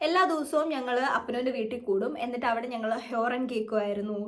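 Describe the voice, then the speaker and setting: Fast-talking young Malayali woman vlogger. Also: fairly high pitch. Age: young adult. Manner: chatty, rambling, mixes English words in. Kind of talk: casual storytelling to camera.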